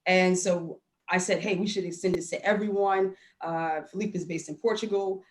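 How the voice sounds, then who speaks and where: A woman hosting a virtual wine tasting, chatting in a relaxed way with fillers over a video call. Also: fairly low pitch, moderate pace. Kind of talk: casual video call chat. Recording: echoey room on a video call.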